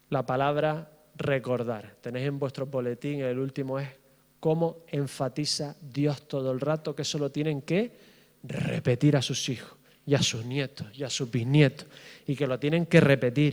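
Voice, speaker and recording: A man's voice: on the high side, darkish tone. A middle-aged man preaching a sermon as pastor, passionate and building with repetition. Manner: impassioned, rising in fervor with repetition. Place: church hall. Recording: reverberant church hall.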